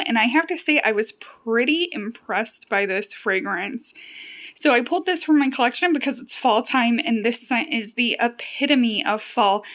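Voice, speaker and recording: A woman with a fairly high voice presents a casual review vlog. She speaks in a chatty, conversational way, as a host addressing regular viewers. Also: a bit bright. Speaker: YouTube host reviewing home fragrance products.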